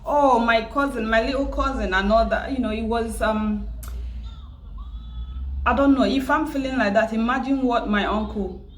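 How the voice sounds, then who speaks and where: Speaking from home, a Nigerian vlogger with a Nigerian accent and a fairly high voice recounts a personal story through grief, tearful and halting, with repeated words and frequent restarts. The recording carries roomy echo and a slight hiss or hum.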